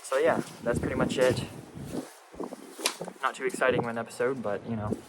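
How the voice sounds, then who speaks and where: Man talking through a mask, loud machinery noise. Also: medium pitch, fairly even intonation, brisk. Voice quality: voice muffled behind a protective mask. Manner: informal, addressing viewers directly. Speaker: vlogger showing a mold remediation job. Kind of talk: casual walkthrough vlog narration. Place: indoors at a house under mold cleanup. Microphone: handheld camera, later on selfie stick. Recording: very noisy handheld recording, loud machinery hum. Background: loud air scrubber and ventilation noise.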